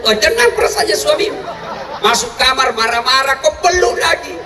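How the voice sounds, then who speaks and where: A male preacher giving a comic sermon to a large crowd, animated and often shouting in mock scolding. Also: very high-pitched, moderate pace, noisy background. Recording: echoey hall from far off with crowd.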